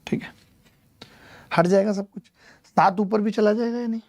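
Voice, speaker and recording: A man's voice: high-pitched, fairly even intonation, normal speed, a little mellow. Man, maths teacher, live online class, chatty, teasing asides, step-by-step explaining. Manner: explains step by step, repeats key numbers.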